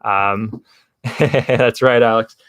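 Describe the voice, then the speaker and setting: A man's voice: fairly low pitch, fairly even intonation, extremely slow, fairly bright tone, clean tone, no room sound. A young man hosts a casual hockey betting livestream, rambling through picks and talking to chat viewers. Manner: chatty, rambling, addresses chat viewers as guys. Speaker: sports betting show host.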